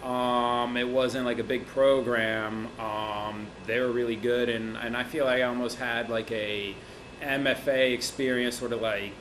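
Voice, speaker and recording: A man's voice: mid-range voice, measured pace, noisy background. A middle-aged man from Mexico, a printmaker, talking casually in an interview in his studio, loose and rambling with lots of fillers. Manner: relaxed, rambling, many "you know" and "like" fillers, gestures with hands. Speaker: printmaker and art teacher, interview guest. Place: indoor art studio.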